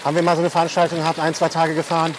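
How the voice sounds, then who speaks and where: A man's voice: on the high side, monotone, very fast. A man, an experienced rider, giving laid-back joking advice while cycling outdoors. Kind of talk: casual chat while cycling. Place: outdoors on a group bike ride in rain. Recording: loud outdoor wind, rain and traffic noise.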